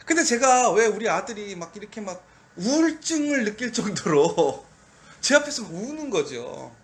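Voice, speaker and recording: A man's voice: sits high, fairly bright tone. A middle-aged man, a pastor, preaching at a dawn service in a conversational storytelling way, asking the listeners rhetorical questions.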